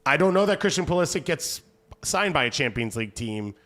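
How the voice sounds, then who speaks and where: A man's voice: fairly high pitch, big pitch swings, fairly bright tone. Conversational male soccer show host. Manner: quick, conversational, thinking aloud. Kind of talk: casual panel discussion.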